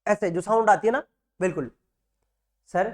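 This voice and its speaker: A man's voice: sits high, moderate pace. A man teaching nursing exam material in a classroom lecture style, repeating key words and asking and answering his own questions.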